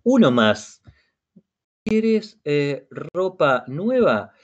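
A man's voice: fairly high pitch, big pitch swings, very slow, pitched above the performer's own voice, exaggerated voice. A man reading the lines of a magical male genie from a lamp in a simple story, over muffled web meeting audio.

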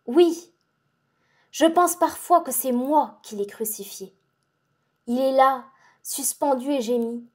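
A woman reading the part of a feverish, exalted young invalid girl, talking in an excitable, breathless and intense way. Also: high-pitched, slow, pauses often. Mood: pleading. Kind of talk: dramatic audiobook reading.

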